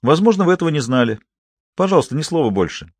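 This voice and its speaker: A man's voice: fairly high pitch, big pitch swings, quick pace, dry recording, voice pushed up. A man voicing a coolly polite young deputy who mocks his opponent with icy courtesy, read in a dry, close recording. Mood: mocking politeness. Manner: icily courteous, ironic.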